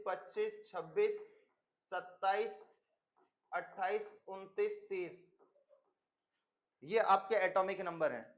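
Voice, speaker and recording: Man, teacher, high-pitched, stern lecturing, classroom, muffled lo-fi sound. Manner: stern, lecturing, mixes English terms into speech. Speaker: chemistry teacher. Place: coaching classroom.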